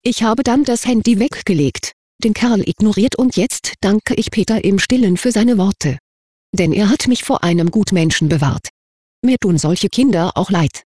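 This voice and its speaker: A reader giving a scripted first-person narration of a confession in an even, matter-of-fact way. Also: medium pitch, normal speed, no room sound, clean studio sound.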